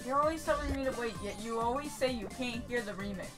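A young woman with a tired, hoarse voice, teasing and joking while playing a game. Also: a little high, quick pace, over music. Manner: teasing, laughing, loud outbursts. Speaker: co-host gamer. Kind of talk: casual gaming banter.

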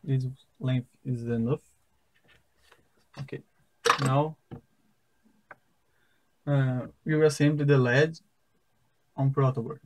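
A young man with a Brazilian Portuguese accent, a native Portuguese speaker, explains a simple circuit step by step in careful, halting English at a wooden table indoors. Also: medium pitch, fairly even intonation, slight background noise, rough recording. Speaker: science fair project demonstrator.

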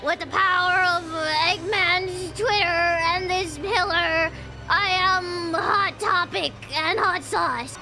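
A woman with a very high, girlish-pitched voice streams a game over clearly audible music. She takes her time, tossing out silly mismatched redub lines in a goofy, theatrical way. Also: steady tone, slow pace, low-quality recording. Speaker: livestreamer playing a video game. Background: video game music.

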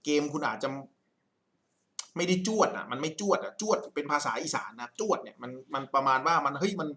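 Bright-voiced chatty man reviewing computers. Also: on the high side, lively intonation, a little fast. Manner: chatty, repeats phrases, many polite particles; addresses viewers as younger students. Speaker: online course instructor. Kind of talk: casual spoken product review.

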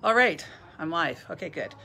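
A woman's voice: deep voice, big pitch swings, moderate pace, vocal fry, bright, forceful tone, a little hiss or hum. Chatty woman hosting a live stream. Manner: chatty, laughs often, greets viewers by name. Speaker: bead store owner hosting a live stream. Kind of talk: casual live-stream chat.

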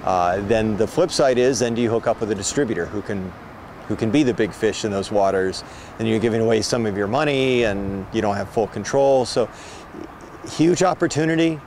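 Low-voiced farmer outdoors. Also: male voice, fairly quick, a little mellow. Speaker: meat producer. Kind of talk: interview answer. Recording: outdoor street noise.

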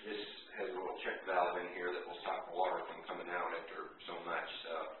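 A man's voice: deep voice, level tone, a little fast, far from the mic, a little hiss or hum. A man in his forties, a contractor, explains in a plain, practical way how to install a toilet, step by step, in a small bathroom under remodel. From Texas. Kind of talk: how-to demonstration. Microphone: camera mic from a few feet away. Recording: echoey room, tinny camera sound from afar.

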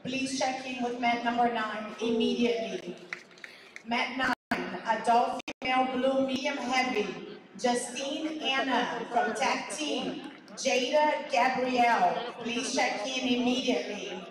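A woman announcing competitors over a PA system in a large sports hall, reading names out slowly and deliberately. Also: on the high side, background noise. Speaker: tournament announcer. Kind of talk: public address calls. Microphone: PA microphone, heard from far off. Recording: echoey arena PA from far off, crowd behind.

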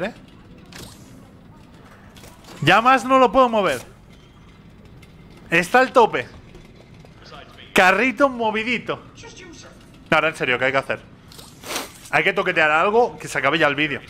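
A man's voice: sits high, bright, forceful tone, a little hiss or hum. Jittery young man playing a horror game. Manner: nervous, talks to himself, repeats phrases, begs and complains. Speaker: gaming youtuber. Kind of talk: horror game let's play commentary.

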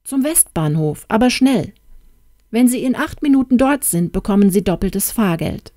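Polite young gentleman, as a woman reads him. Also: medium pitch, moderate pace, dry recording, clean studio sound, lightly acted. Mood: courteous. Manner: courteous, calm and helpful.

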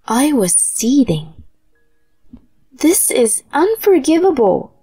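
A woman narrating a dramatic first-person story in a measured, even manner. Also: on the high side, husky. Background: faint background music.

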